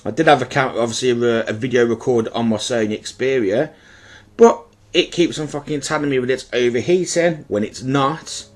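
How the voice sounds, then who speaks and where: A stuffy, slightly bunged-up man with a blocked nose speaks at normal speed in a medium-pitched voice. He's giving informal, rambling and apologetic commentary, unboxing-style, as he shows off an item in his own video.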